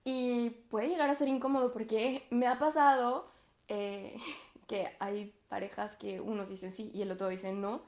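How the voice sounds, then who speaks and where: Reflecting casually on her podcast, a woman in her 20s chats along with many fillers and self-conscious giggles. Her voice is fairly high and a little mellow, her intonation mostly even, her pace a touch slow, and the room adds a roomy quality.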